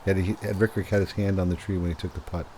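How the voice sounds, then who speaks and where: A man giving measured, analytical golf-style commentary on a disc golf tournament, explaining shots and holes. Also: low voice, little pitch movement, mellow, a little hiss or hum, rough recording. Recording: music behind the voice. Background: music.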